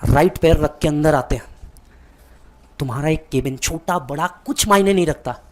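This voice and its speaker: A man's voice: on the high side, moderate pace, a little hiss or hum. A man giving a motivational speech, telling a dramatic story straight to the listener. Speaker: motivational speaker.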